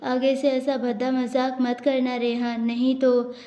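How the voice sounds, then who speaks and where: A woman's voice: high-pitched, completely flat delivery, measured pace, mellow, roomy sound, dull audio. A woman voicing a proud, tearful young wife who speaks in a reproachful, formal way. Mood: angry.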